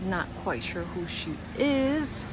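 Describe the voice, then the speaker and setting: A woman's voice: on the low side, sing-song, slow pace. A young woman casually narrating a walking tour while filming on a handheld phone outdoors, upbeat, chatty and playful. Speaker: travel vlogger. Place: outdoors on town streets and stairs. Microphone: handheld phone camera on a selfie stick. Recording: loud outdoor noise, street and wind.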